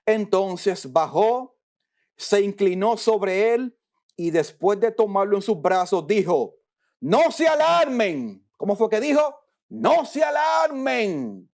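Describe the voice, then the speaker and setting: Slow, high-voiced man preaching a sermon. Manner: acts out worried people's complaints, then soothes in a low hush; emphatic, repeats phrases.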